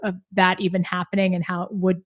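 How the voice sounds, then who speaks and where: A woman's voice: lowish voice, completely flat delivery, quick pace, no echo. A woman co-hosts a live online marriage coaching session and explains points with some fillers. Her voice sounds dry and close. The audio is slightly dull, like a call.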